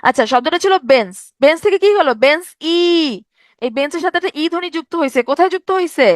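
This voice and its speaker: A woman, teaching a grammar lesson step by step, asking questions and drawing words out slowly. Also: high voice, expressive, dry recording. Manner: explains step by step, asks rhetorical questions, drawls words out.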